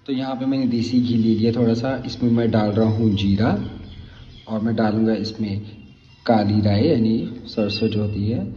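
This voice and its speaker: A man, talking casually as a cooking vlogger in a home kitchen and apologizing for rushing. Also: on the low side, a little hiss or hum. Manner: chatty and hurried, apologizes for rushing. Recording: roomy, slightly dull home recording.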